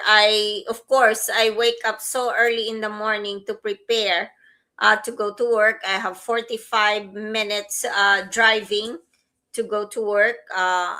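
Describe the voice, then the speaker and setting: A woman's voice: medium pitch, bright, forceful tone, rough recording. A middle-aged woman from the Philippines co-hosting a casual podcast chat, hesitant and full of fillers and laughs. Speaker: co-host, teacher.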